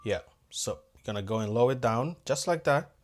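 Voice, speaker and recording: A man's voice: mid-range voice, lively intonation, a little fast, very noisy. A man giving a hands-on audio tutorial, talking casually to viewers and thinking aloud as he adjusts the equipment. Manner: talks straight to viewers as "guys". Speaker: audio-visual technician.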